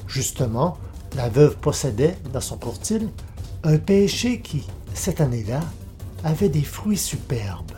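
Mellow-voiced male storybook narrator. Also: a little high, faint music behind. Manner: measured, even storytelling.

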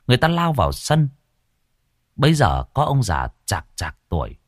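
A man narrating a horror audiobook in a dramatic, expressive storytelling manner. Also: mid-range voice, normal speed, no room sound, studio quality. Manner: expressive, rising and falling storytelling.

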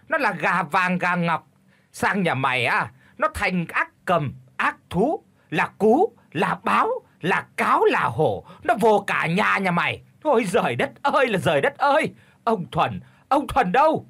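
A man's voice: sits high, very animated, unhurried, gravelly, bright, forceful tone, husky, pitched above the performer's own voice, exaggerated voice. A male narrator voicing a foul-mouthed village wife who screams curses and wails to the heavens. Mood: wailing. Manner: screeching curses and wailing laments.

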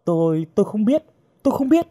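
Scared young female captive, high and pleading, husky edge; a man doing the voice for an audiobook. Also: brisk, warm tone. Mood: terrified. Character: frightened young woman student held captive.

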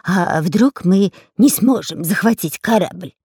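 A woman's voice: lowish voice, lively intonation, slow pace, darkish tone, slightly rough, no echo, studio quality, full character voice. A woman voicing a sly male spy who talks through his nose and lies sweetly in a storybook reading. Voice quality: nasal. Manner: sly, wheedling.

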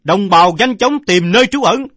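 A man voicing a stern wartime air-raid announcer on a city loudspeaker in an audiobook story. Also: sits high, animated, a little fast, dry recording, studio quality, pitched above the performer's own voice. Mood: urgent. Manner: loud, declaiming public announcement.

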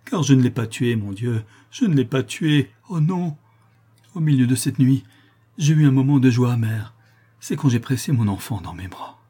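Male reader as young servant woman, tearful, pleading, husky tone. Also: mid-range voice, expressive, moderate pace, warm tone. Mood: desperate pleading.

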